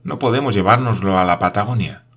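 A kindly, concerned noblewoman, read by a man in an audiobook, speaks gently and with sympathy. The reader keeps his own low voice for her. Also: a little fast, slightly rough.

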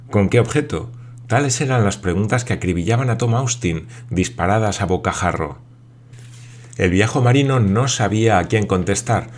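A man reading a classic adventure novel aloud as narrator, measured and dramatic. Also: lowish voice. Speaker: audiobook narrator. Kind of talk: scripted narration.

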